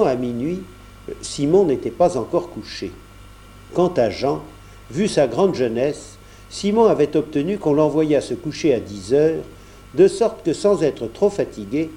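Slow, mellow male storyteller. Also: on the high side, big pitch swings. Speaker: audiobook narrator. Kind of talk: scripted narration.

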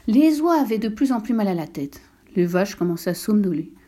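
Brief: woman narrator, storybook reading, soft mellow tone, mid pitch. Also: sing-song, fairly quick.

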